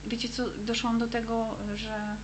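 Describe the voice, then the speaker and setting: A woman's voice: a little high, completely flat delivery, unhurried, noisy background. Hesitant woman giving a faith testimony. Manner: earnest storytelling with many hesitations. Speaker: testimony speaker.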